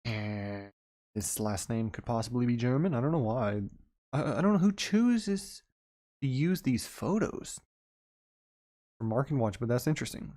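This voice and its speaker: Guy hosting a stock market livestream, reads the news out then rambles on about it, middle-pitched, easygoing. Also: animated, unhurried, long pauses, dark tone. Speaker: investing livestream host. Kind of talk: casual live-stream commentary.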